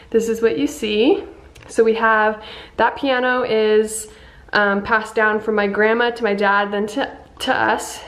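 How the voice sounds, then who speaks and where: A young woman vlogger chatting casually at home, upbeat and filling her talk with "like" and "um" while she shows things to the camera. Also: on the high side. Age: young adult. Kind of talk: casual home vlog chat. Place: living room, then walking through a house, indoors. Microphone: on-camera mic, camera handheld at arm's length.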